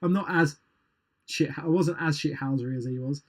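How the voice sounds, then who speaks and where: A man's voice: on the high side, moderate pace. Chatty man, casual hockey talk. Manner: rambling, chatty, laughs easily. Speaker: podcast co-host. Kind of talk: casual chat.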